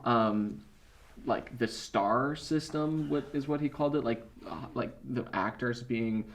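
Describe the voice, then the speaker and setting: A man with a gravelly, mid-pitched voice, co-hosting a studio podcast. He rambles through his points in loose, casual chat and swears without a second thought. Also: measured pace.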